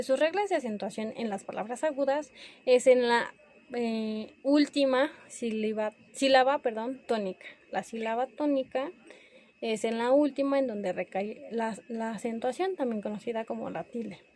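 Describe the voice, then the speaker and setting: A young woman works through a class review at an unhurried, deliberate pace. Her voice sits a little high, and she often stops to hesitate and correct herself mid-sentence. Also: darkish tone. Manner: hesitant, self-correcting, slow and careful.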